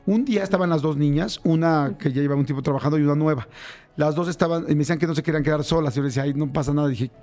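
A Mexican man hosting a radio show talks quickly with a slightly high voice, animated as he acts out noises and voices. He tells his story casually. Faint music sits behind him. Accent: Mexican Spanish. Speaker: radio host. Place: radio studio.

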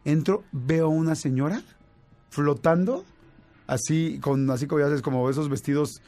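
A man with a Mexican accent telling a personal story in casual chat, animated and full of fillers and restarts. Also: fairly high pitch, moderate pace, faint music behind. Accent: Mexican Spanish.

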